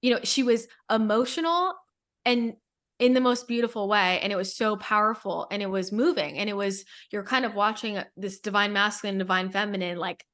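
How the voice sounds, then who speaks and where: A woman's voice: mid-range voice, fairly quick, a bit bright. A woman in a casual spiritual podcast conversation, telling a long story in a rambling way with many restarts.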